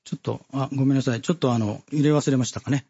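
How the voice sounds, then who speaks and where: Husky man preaching a Bible study. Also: medium pitch, steady tone, dark tone, lo-fi sound. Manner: measured, with many fillers and pauses, reading scripture aloud.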